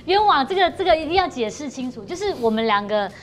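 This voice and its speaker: High, fast-talking animated woman. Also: a little hiss or hum. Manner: lively, acts out quotes. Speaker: guest, mother. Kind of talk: animated TV talk show anecdote. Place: TV studio.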